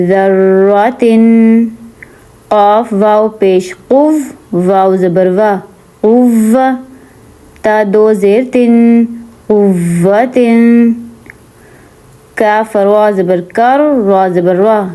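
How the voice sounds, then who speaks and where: A woman teaching Quran reading with a Pakistani Urdu accent, spelling each syllable slowly and patiently, then explaining quickly. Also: mid-range voice, warm tone.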